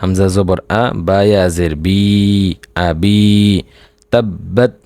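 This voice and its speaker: Deep, creaky, and a little mellow, this Bangladeshi-accented man's voice guides a Quran reading lesson, sounding out syllables individually before reading them back slowly, recorded with no room sound.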